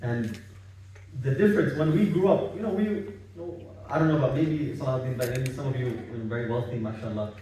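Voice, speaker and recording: At a study circle gathering in someone's home, a Bangladeshi man with a mellow, mid-range voice speaks a little fast about religion, conversational and repetitive, frequently seeking the audience's agreement with tag questions. The mic sits far off in an echoing room.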